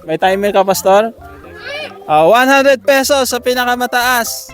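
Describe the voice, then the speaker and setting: A man hosting games for schoolchildren outdoors, coaxing and counting down with animated energy. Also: very high voice, unhurried, soft background music. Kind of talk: lively outdoor game hosting.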